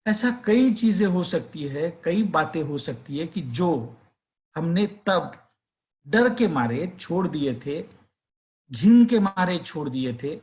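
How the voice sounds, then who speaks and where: A man's voice: a little high, big pitch swings, takes it slowly, darkish tone. A male teacher telling a suspenseful story, then earnestly urging students to revise. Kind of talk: storytelling and motivational advice to students.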